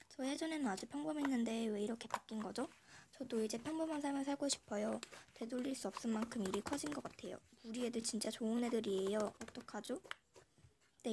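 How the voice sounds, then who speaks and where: A host reading a listener's story aloud in a radio-style show, voice altered by a voice changer, with steady, friendly reading. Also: mid-range voice, a little hiss or hum.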